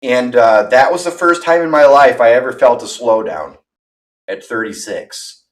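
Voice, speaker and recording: A man's voice: mid-range voice, moderate pace. A man in his thirties chatting casually on a livestream, rambling and candid, poking fun at himself. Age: 30s. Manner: rambling, candid and self-deprecating. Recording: voice from far off the mic.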